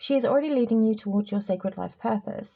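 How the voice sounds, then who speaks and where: A woman's voice: on the high side, fast talker, gravelly. A woman giving a casual tarot reading to her viewers. She talks in a chatty, apologetic way and laughs often. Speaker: tarot reader. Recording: tinny phone-like sound with faint noise.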